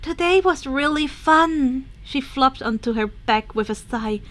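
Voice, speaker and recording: Brief: high, perky teenage villain girl, gushing, put on by a woman narrator. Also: lively intonation, unhurried, a bit bright. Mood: wistful. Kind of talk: podfic character voice.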